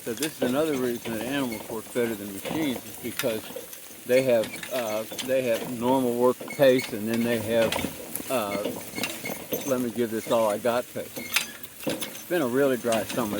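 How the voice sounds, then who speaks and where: A man's voice: medium pitch, steady tone, moderate pace. A man giving a casual walking tour of his farm, talking in a blunt, folksy, rambling way and swearing freely. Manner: rambling with restarts. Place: outdoors on a farm. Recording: outdoor noise behind the voice.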